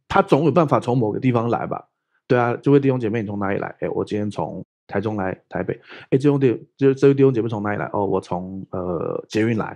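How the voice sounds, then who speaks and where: A man preaching a sermon as pastor, talking in a lively, conversational way full of rhetorical questions. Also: mid-range voice, breathy edge.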